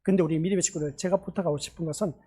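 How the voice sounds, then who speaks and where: Male pastor, husky voice, emphatic sermon delivery, keeps firing rhetorical questions at the pews. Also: fairly high pitch, steady tone, rapid-fire, warm tone. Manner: emphatic, peppers talk with rhetorical questions to the congregation. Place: church sanctuary.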